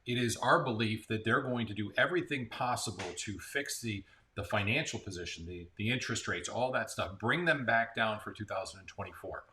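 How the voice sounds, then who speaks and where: Low-voiced American man explaining numbers. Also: fairly quick, hardly any pauses, sharp tone. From Central Florida. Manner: conversational, explains numbers with restarts. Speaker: real estate agent, co-host. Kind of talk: casual market-report chat.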